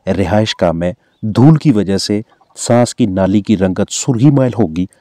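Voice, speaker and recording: A man's voice: fairly low pitch, normal speed, no room sound, studio quality. A man with a Pakistani Urdu accent, a veterinarian giving formal, instructive, scripted voice-over narration. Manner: formal, instructive, steady delivery.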